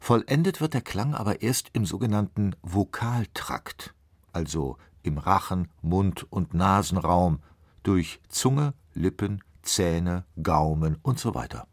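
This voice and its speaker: A man narrating a radio feature in a smooth, measured, scripted way. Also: low voice, lively intonation, no echo, studio quality.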